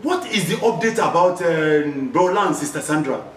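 Earnest pastor, animated pitch, recorded distant in an echoey room, played by an actor. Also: male voice, normal speed, slight background noise, lightly acted. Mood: concerned. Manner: earnest, prayerful. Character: concerned church pastor. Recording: echoey room, mic far off.

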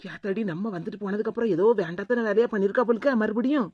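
A woman voicing a brisk, exclaiming village woman relative with a Tirunelveli Tamil accent. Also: mid-range voice, a little mellow, no echo, natural voice. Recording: dull lo-fi dry sound.

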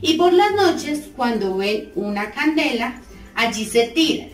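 Slow, expressive woman storyteller. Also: high voice. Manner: slow, expressive, sing-song. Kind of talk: children's story narration. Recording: roomy, distant mic, faint music.

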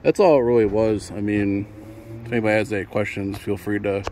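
A man's voice: lowish voice, fairly even intonation, fairly quick, warm tone. A young man casually showing off a fishing build on a phone camera outdoors, rambling with many ums and restarts. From Michigan. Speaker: fishing channel host. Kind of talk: casual how-to vlog. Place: outdoors in an apartment parking lot. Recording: noisy outdoor phone recording.

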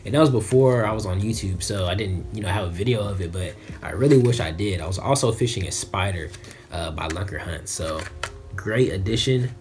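Filming himself at arm's length in a small bedroom, a young adult American fishing vlogger chats casually through an unboxing, relaxed and full of slang. His voice sits low, a little fast and a little mellow.

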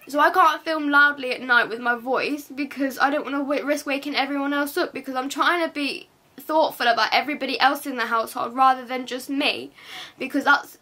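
Quiet bright-voiced teen girl. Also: sits high. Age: teens. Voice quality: quiet, hushed voice. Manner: rambling, repeats and restarts. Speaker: vlogger. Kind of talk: emotional to-camera monologue. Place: family home at night.

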